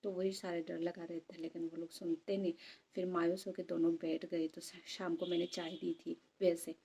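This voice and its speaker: A woman's voice: fairly low pitch, level tone, normal speed, creaky, warm tone, husky. Chatty young woman rambling about home. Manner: chatty, rambling, asks "है ना?" often. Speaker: vlogger. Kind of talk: casual home vlog chat.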